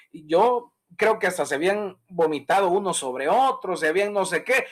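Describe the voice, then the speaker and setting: A man preaching a Bible study sermon, telling stories and acting out voices. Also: on the high side. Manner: animated storytelling, acts out voices. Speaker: pastor.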